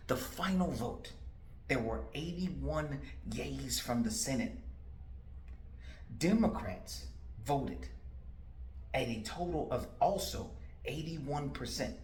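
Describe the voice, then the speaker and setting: A man's voice: medium pitch, expressive, takes it slowly, a little mellow, slight background noise. A man in his forties, a political candidate, talking straight to the viewer in an emphatic, repetitive way full of rhetorical questions. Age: 40s. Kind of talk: direct-to-camera political commentary. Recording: roomy echo.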